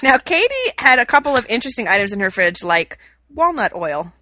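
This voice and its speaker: A woman co-hosting a podcast, chatting in an upbeat, quick way. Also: fairly high pitch, sing-song, sharp tone, a little hiss or hum. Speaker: podcast co-host. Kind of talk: casual chat.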